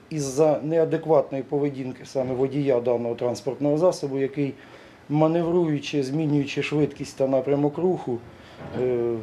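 A man's voice: mid-range voice, dark tone. A man who is a senior traffic police inspector, giving a formal, bureaucratic statement in a police office.

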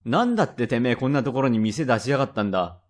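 A man voicing a rough, quick-tempered father from old Edo, speaking blunt old Edo Tokyo speech in a rakugo tale. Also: medium pitch, very animated, lightly acted. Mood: irritated. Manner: gruff, blunt, grumbling. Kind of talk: rakugo storytelling.

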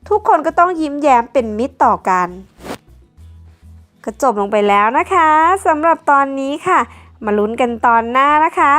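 A woman narrating an audio drama in a calm storybook manner. Her voice is high, and faint music plays behind her. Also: normal speed.

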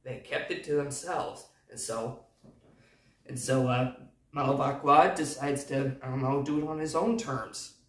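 A man's voice: medium pitch, a little slow. A man hosting a casual movie recap who rambles and hesitates, full of fillers. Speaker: movie review host. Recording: echoey room, distant mic.

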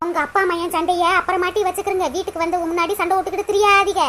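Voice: very high voice, level tone, rapid-fire, bright, forceful tone, a little hiss or hum. A performer voicing a fretful, nagging mother in a cartoon, pleading with her grown son.

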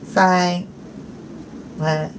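A woman's voice: on the low side, little pitch movement, extremely slow, noisy background. A young woman hosting a livestream, chatting casually with viewers, giggling often and thanking them by name. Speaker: livestream host.

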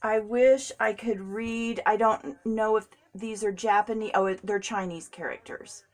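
A woman's voice: medium pitch, fairly even intonation, a little slow, a little mellow. A woman, chatting casually and gushing as she unboxes craft supplies, laughing often. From United States. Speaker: crafting vlogger.

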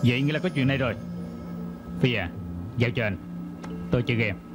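A man dubbing a brash police detective who talks loudly and impatiently in a casual way, for a film. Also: medium pitch, quick pace, over loud music, natural voice. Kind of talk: Vietnamese film dub.

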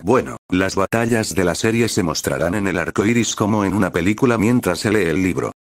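A man's voice: low voice, a little fast, no room sound, clean studio sound. A man voicing a divine woman messenger of the gods in a fan story reading, formal and explanatory. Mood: matter-of-fact.

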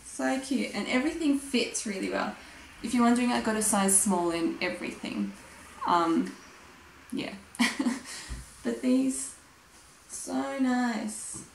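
A woman's voice: on the high side, expressive, slow pace, long pauses, a little hiss or hum. A young Australian woman with a fading voice chatting casually and gushing about her clothes. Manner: chatty, gushing, says "like" and "literally" a lot. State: losing her voice. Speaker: vlogger. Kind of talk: casual try-on haul chat. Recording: echoey room.

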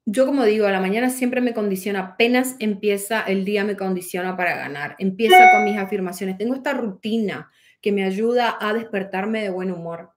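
Woman life coach, casual Q&A, talky, mid-pitched voice. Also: brisk. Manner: chatty and reflective, many fillers and restarts. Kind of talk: casual Q&A answering viewer questions.

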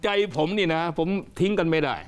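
A man's voice: a little high, brisk. A politician being interviewed on a studio talk show, emphatic and joking, often repeating his words. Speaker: politician guest.

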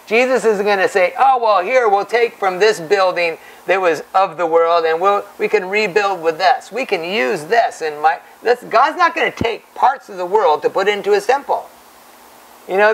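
Gravelly-voiced pastor preaching at a pulpit. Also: male voice, high voice, low-quality recording. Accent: Hawaiian-influenced American English. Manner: animated, gesturing, many restarts and repeated words. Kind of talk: verse-by-verse Bible teaching. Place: small church stage at a wooden pulpit. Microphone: stand mic at the pulpit.

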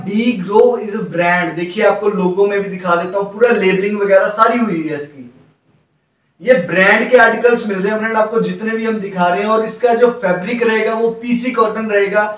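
A young man presenting T-shirts in a clothing shop, with an eager, repetitive salesman patter and a lapel mic. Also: high-pitched. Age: young adult. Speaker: garment seller presenting stock. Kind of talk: product showcase sales pitch. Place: indoor clothing shop with hanging racks. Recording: roomy, dull, slightly distant.

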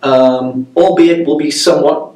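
Creative director guy in his 50s talking it through, hands going, a bit far from the mic in an echoey office. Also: a little high. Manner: animated hand gestures, measured explanatory delivery. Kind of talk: explaining to camera in an interview. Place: open-plan office, indoors. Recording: roomy office sound from a distance.

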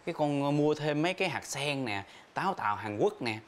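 A man's voice: a little high, animated, brisk, a little hiss or hum, natural voice. An actor playing a caring, fussy grown son who coaxes his mother, with a Southern Vietnamese accent. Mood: coaxing. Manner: fussing, coaxing.

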